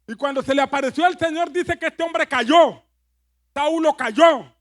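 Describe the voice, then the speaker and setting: Fervent high-voiced man preaching. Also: unhurried. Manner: fervent, repeats phrases, leads congregation call-and-response. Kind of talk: sermon.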